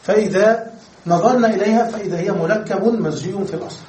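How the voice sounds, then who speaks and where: A man teaching Arabic grammar in a classroom lecture, explaining step by step and often pausing to ask whether the students have understood. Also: high voice, a little mellow, slight background noise. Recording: echoey room, voice far from the mic.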